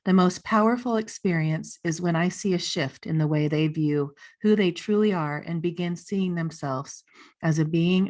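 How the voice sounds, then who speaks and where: Her voice sits fairly low and sounds a bit mellow. She's a woman in her forties running a podcast from home over a video call, gushing cheerfully with frequent "you know" as a scripted promo gives way to casual interview chat, picked up by a boom-arm studio mic and earbuds.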